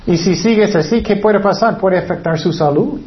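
A man preaching a sermon in an earnest way, letting his voice sink low on heavy words. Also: moderate pace, highs cut off.

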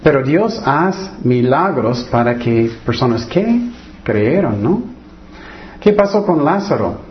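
A man's voice: medium pitch, sing-song, takes it slowly. Man preaching a sermon, muffled sound. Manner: restarts often, asks the listeners rhetorical questions; acts out the voices of the people in his stories. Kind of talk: sermon with Bible reading.

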